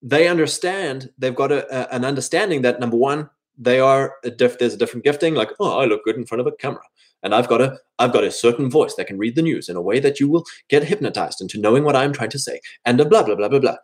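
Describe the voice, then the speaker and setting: A quick-paced, medium-pitched male voice belongs to a thirty-year-old giving men advice. His motivational talk is loose and rambling, peppered with imagined quotations.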